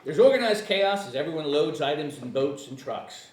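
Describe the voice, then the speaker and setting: His voice is fairly high and a little mellow, with big pitch swings at normal speed. He reads screenplay action lines casually at a comedic table read, tripping over words and chuckling. Recorded far from the mic in an echoey room with faint noise.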